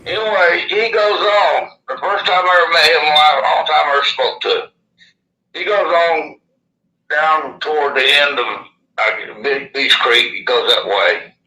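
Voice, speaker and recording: A man's voice: a little high, unhurried, bright, forceful tone, echoey room, low-quality recording. A man with a lisp and slushy s sounds from missing upper teeth, telling a first-hand story in a casual, folksy, rambling way. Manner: folksy, plain-spoken, rambling. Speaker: interviewee.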